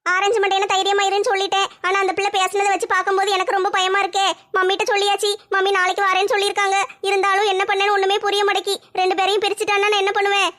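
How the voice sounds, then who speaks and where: A woman, acting out a comic family skit in fast, chatty banter. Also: very high-pitched, completely flat delivery, a bit bright.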